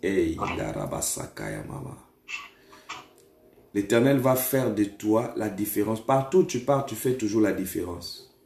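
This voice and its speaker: A man leading a deliverance prayer as a prophet, giving commands to callers in a forceful, repetitive way. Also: fairly low pitch, moderate pace, roomy sound, slight background noise.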